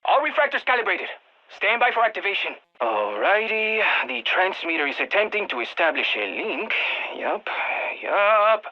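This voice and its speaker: A man voices an excitable, quirky exogeologist in a video game, radioing mission callouts to the military strike team he supports. His high-pitched voice has a Spanish accent and a moderate pace, and he sounds upbeat and focused, animated and exclamatory, peppering his lines with Spanish interjections. The recording is muffled.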